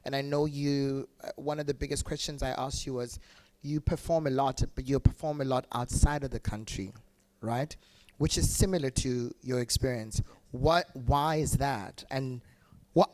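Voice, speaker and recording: A man's voice: mid-range voice, fairly even intonation, normal speed. A man moderates a panel discussion in an ordinary mid-range voice. He asks long, loosely built questions padded with fillers as he hands over to each speaker.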